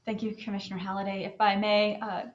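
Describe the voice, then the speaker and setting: A woman city manager speaking in a measured, formal way at a public meeting, with occasional fillers. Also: mid-range voice, level tone. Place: city council chamber. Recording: echoey chamber, dull audio.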